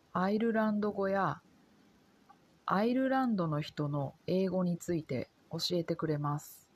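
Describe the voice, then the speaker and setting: Slow, breathy Japanese teacher woman. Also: fairly low pitch. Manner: slow, careful, simple sentences. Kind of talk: slow scripted lesson talk for learners.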